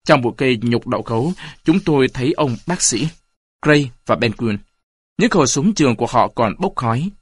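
Male narrator, storybook reading, lively varied pitch, dry close sound. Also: brisk, slightly rough, dry recording. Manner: expressive reading. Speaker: audiobook narrator.

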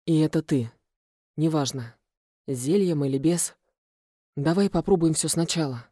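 Woman doing a werewolf alpha guy, low steady voice, mellow, dry sound. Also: measured pace, no echo. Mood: tender. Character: confident male werewolf pack alpha.

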